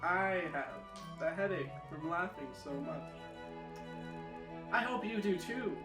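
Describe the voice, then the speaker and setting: A woman host with a lively, swinging voice and very slow, halting delivery. She keeps it casual and jokey in an echoey room with music. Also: lowish voice.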